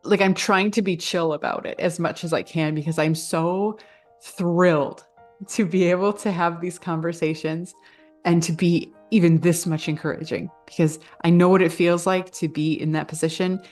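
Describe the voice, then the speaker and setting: A woman's voice: lowish voice, fairly even intonation, normal speed, darkish tone, soft background music. A woman vlogger in casual heartfelt talk, earnest and gushing, full of fillers.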